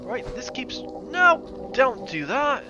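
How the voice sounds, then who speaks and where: A man with a high, very lively voice gives live commentary on a video game. He jokes, half-sings and parrots the characters' lines as he plays. Game music runs clearly behind him. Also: slow, highs cut off. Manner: animated, joking, sings and mimics lines. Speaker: streamer.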